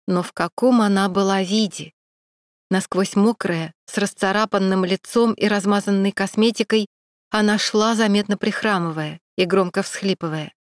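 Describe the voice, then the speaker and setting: A woman narrating an audiobook in a steady, even storytelling manner. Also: medium pitch, dry recording, clean studio sound. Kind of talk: scripted narration.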